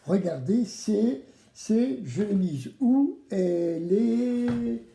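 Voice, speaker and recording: Children's DIY presenter: playful, theatrical, very lively intonation, soft-edged tone, addressing kids directly, recorded in an echoey room. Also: medium pitch, very slow, vocal fry. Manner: playful, theatrical, exclamatory, asks the children to answer. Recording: roomy, echoing indoor sound.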